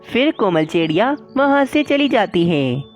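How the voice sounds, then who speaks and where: A woman narrates a cartoon story with a lively, swooping delivery. Her pitch sits mid-range, and soft music plays underneath. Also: a little slow.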